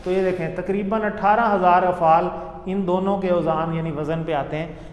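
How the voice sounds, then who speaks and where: A man with a high voice teaches a classroom grammar lesson, patiently breaking each point down and leading the students in chanted drills. He is recorded in an echoey hall with a long reverb tail. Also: fairly even intonation, normal speed, lo-fi sound. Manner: patient, explains step by step, leads chanted drills.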